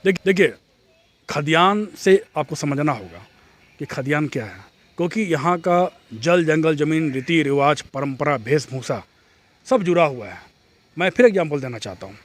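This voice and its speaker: Man, slightly high voice, earnest, explanatory, interview answer. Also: animated, normal speed. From Jharkhand. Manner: earnest, explanatory, with frequent restarts. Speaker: activist interviewee.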